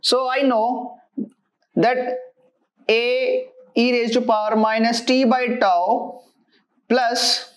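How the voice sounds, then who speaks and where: An engineering teacher delivers a step-by-step technical lecture, working methodically and haltingly through equations. Her voice is a little high with fairly even intonation, and the recording is rough.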